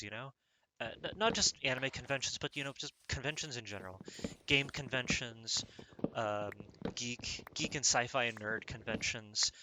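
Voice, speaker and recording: A man talks his way through a let's-play in an earnest, wandering fashion, often restarting his sentences. His voice is bright and forward and his pitch swings widely. He is recorded on a cheap microphone. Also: a little hiss or hum, low-quality recording. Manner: earnest, meandering musing with many restarts. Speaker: gaming channel host. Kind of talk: casual let's-play commentary.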